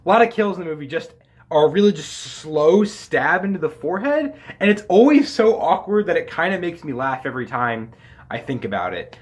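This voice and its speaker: A man's voice: sing-song, a little fast. Rambling young man reviewing old anime. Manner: loose and rambling, many fillers, frequent swearing; pitch and loudness swing widely, drops low on asides. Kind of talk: casual spoken review.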